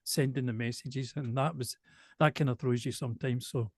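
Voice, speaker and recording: Glaswegian man, softened accent, slow and deliberate delivery, dry close recording, mid pitch. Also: fairly even intonation, no room sound. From Glasgow, Scotland. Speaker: show presenter and singer, interviewee. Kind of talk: casual conversational interview.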